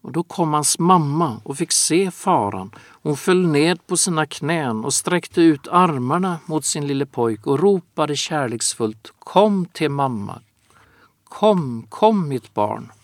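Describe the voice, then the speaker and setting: A man preaching a sermon in a slow, earnest manner, drawing out his phrases. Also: medium pitch, no room sound.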